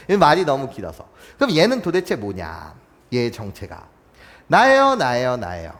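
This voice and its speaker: A man's voice: on the high side, big-room sound. A man tutoring a math class, playful and chuckling, who keeps stopping to ask whether his students follow. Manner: keeps checking in with students, asking if they follow; playful, chuckles between points.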